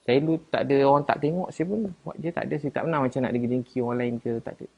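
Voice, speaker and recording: A man with a Malaysian Malay accent, chatting casually on a live stream as he answers viewers and defends himself, getting louder and higher at times. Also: rapid-fire, creaky, slightly rough, highs cut off.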